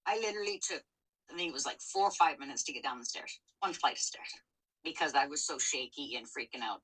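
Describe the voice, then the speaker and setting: A woman's voice: a bass voice, fairly bright tone, husky, poor audio. A middle-aged woman telling a personal story in a candid, emotional, casual chat. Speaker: co-host.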